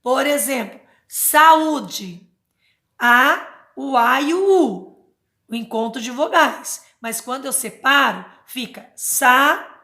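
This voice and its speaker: A woman teacher giving a slow, patient grammar lesson to children, sounding out words syllable by syllable and checking in with short questions. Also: high-pitched, animated, pushed and bright, reverberant. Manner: checks understanding with tag questions.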